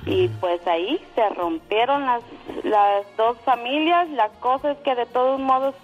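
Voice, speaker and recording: A woman's voice: fairly high pitch, unhurried, faint music behind. A woman calling in to a radio show, speaking earnestly and plainly. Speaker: caller. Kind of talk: phone-in radio call. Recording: dull phone-in line.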